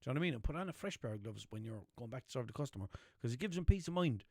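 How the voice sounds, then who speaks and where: A young Irish man with a Limerick accent hosts a podcast, talking at a very fast clip in an expressive, mid-range voice. He rambles in a chatty way, swears freely and keeps asking listeners "know what I mean". The recording is dry, with clean studio sound.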